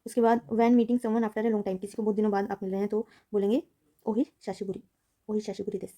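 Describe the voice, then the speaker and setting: Young woman teacher, dark mellow voice, flat steady explaining delivery. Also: mid-range voice, fairly quick. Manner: explains in Hindi mixed with read-out English passages, many fillers. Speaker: Japanese language teacher. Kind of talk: recorded lesson explanation.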